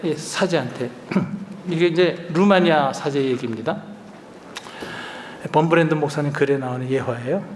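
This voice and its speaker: An older man, a pastor, preaching a lively, colloquial retreat sermon, acting out dialogue and chuckling often. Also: sits high, slight background noise. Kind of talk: retreat sermon, storytelling with acted quotes. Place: church hall. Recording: roomy hall reverb, faint ambience.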